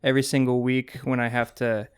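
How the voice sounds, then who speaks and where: A man's voice: mid-range voice, little pitch movement, fairly quick, smooth. A man co-hosting a podcast in casual chat, talking loosely with fillers about teaching choir. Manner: chatty, lots of fillers and laughs. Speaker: podcast co-host.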